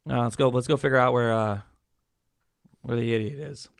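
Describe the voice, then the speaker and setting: A game master voicing a gruff, taciturn male guide who rarely speaks, with terse, grudging approval. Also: mid-range voice, fairly even intonation, moderate pace, no room sound, lightly acted.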